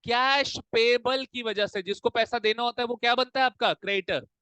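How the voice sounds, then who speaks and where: A man teaching a class of commerce students, with a fairly high voice and a dry, close sound. He drills them with rapid question-and-answer exchanges and addresses them in a fatherly, familiar way. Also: sharp tone, clear, resonant tone, dry recording, poor audio. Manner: fatherly, calls students "beta". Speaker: commerce tutor. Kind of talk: classroom lecture mixing Hindi and English. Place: coaching classroom.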